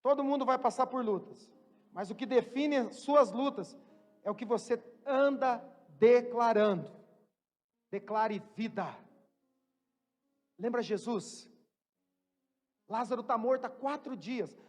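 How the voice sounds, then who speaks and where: A Brazilian pastor preaching a sermon. He moves between loud, emphatic preaching and quiet, joking asides to the congregation. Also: very high-pitched, slow, pauses often. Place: church hall. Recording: long church reverb, faint music.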